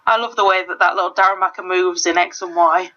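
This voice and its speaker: A woman's voice: fairly low pitch, fairly even intonation, fast, pushed and bright. A woman chatting playfully as a guest on a game playthrough. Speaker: co-commentator guest. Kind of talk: casual gameplay chat. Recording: dull lo-fi recording.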